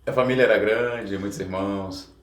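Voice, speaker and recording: A man's voice: lowish voice, steady tone, normal speed. A man hosting a podcast, asking short questions and adding brief agreements in casual chat. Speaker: podcast host. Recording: echoey room.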